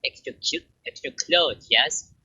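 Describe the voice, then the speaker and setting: A man's voice: a little high, bright, forceful tone, breathy edge, dry recording, heavily acted. A man voicing an odd, childlike woman killer who speaks in simple, broken English. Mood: playful. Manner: halting, simple broken phrasing. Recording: dull lo-fi recording.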